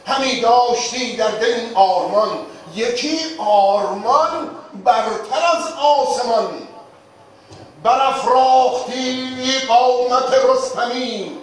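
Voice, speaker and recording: High-pitched man declaiming epic verse, very echoey. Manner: declamatory, grandiloquent, dramatic. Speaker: Shahnameh storyteller (naqqal). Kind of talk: theatrical recitation of Persian epic verse. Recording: very echoey, distant mic, music behind.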